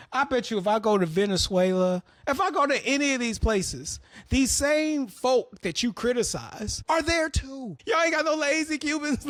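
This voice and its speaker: A man's voice: high voice, no echo, clean studio sound. A man hosting an opinionated commentary monologue, talking bluntly and profanely as he tells stories. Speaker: host.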